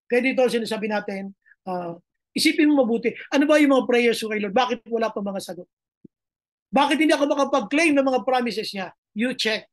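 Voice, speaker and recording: A woman pastor preaching a sermon, emphatic and repeating her phrases. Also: fairly high pitch. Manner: mixes Tagalog and English, emphatic, repeats phrases.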